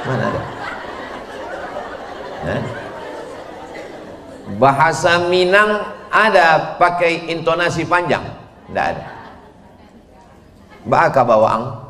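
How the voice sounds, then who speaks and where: A male preacher delivers a playful sermon, tossing questions to his listeners and chanting verses between jokes. He speaks slowly and deliberately. His voice rings through a large echoing hall. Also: a little high. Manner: lively, joking, asks the crowd questions and chants verses. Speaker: Islamic preacher. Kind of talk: humorous sermon to a women's audience. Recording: echoey hall sound.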